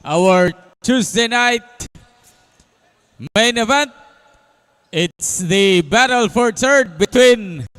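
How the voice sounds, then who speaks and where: A male arena announcer with a Filipino accent and a high, smooth, resonant voice. He introduces players formally, stretching their names with showmanship, and the sound is fairly dry. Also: a bit bright, dry recording. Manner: showy, drawn-out calling of names.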